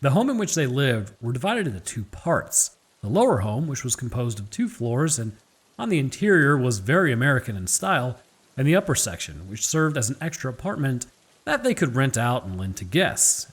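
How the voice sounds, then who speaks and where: A man reading a scripted horror story as its narrator, in a measured, formal, literary storytelling manner. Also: mid-range voice, very animated, husky. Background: background music.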